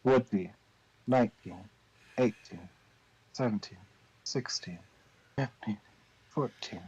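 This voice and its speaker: A man narrating a tabletop game as game master, improvising the story in a deliberate, pausing way. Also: lowish voice, a little mellow, breathy edge, highs cut off.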